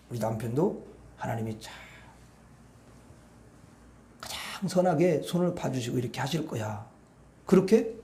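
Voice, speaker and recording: A man preaching a sermon with a high-pitched voice. He talks conversationally and keeps turning to the congregation for agreement. The sound echoes around a church sanctuary. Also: dark tone. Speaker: pastor.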